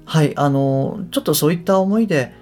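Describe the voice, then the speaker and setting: Soft background music plays as a middle-aged man, a podcast host and English coach, chats alone on his show. His fairly high, darkish voice moves briskly, and his casual, reflective thoughts often come out tentatively.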